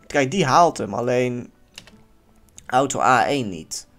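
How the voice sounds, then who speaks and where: A man giving casual let's-play commentary in a lively way, swearing now and then and yelling at near misses. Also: medium pitch, takes it slowly, vocal fry, faint music behind. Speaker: gaming YouTuber.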